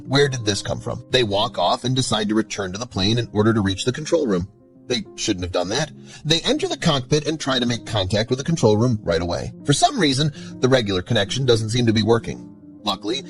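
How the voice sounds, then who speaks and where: A man narrating a scripted story in a dramatic, suspenseful way. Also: mid-range voice.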